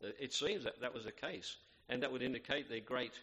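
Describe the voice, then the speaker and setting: A man preaches a sermon, reading scripture aloud in a measured, reverent way. His voice sits at a middle pitch. It rings out with the long reverb of a big hall. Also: bright, forceful tone, breathy edge, lo-fi sound. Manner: measured, reverent, with fillers and restarts.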